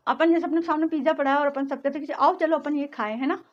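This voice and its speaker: A woman teaching a grammar lesson, explaining patiently and reading each example sentence slowly, then repeating it. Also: high-pitched, steady tone, dull audio.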